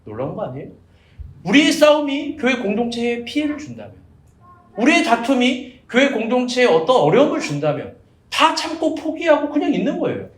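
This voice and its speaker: A man preaches in a small church, his very high voice swinging up and down as he jokes and questions the congregation. The room around him rings with a roomy echo. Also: brisk. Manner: animated, jokey storytelling with questions to the congregation. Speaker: evangelist pastor. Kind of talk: sermon.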